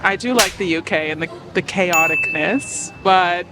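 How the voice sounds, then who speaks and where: A woman's voice: on the low side, measured pace, over loud music. A woman from Greece thoughtfully listing her views in a street interview. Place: city street outdoors.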